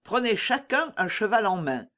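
A man's voice: very animated, normal speed, exaggerated voice. A reader voicing a bold, cunning young male musketeer in an audiobook, giving orders and crying out. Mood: commanding. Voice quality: high, shouting cries. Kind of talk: audiobook character reading.

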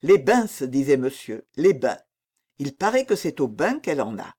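A woman's voice: extremely low pitch, big pitch swings, moderate pace, warm tone, slightly rough, full character voice. A woman reading the part of a jealous, petulant young prince who answers bitterly and indignantly. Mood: muttering.

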